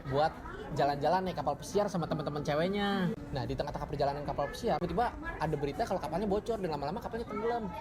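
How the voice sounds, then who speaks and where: A storyteller rapidly telling funny stories and acting out the dialogue. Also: mid-range voice. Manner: animated, acts out dialogue. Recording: loud crowd behind the voice.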